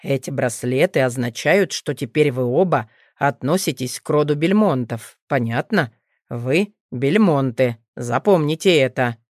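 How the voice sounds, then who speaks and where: A calm dragon father, as a woman narrator puts him on, speaks in a deep, low, steady voice. He reassures his small sons gently and patiently. The audiobook sound is close and dry, with no room around it. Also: measured pace, no echo. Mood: calm, reassuring. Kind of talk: audiobook reading.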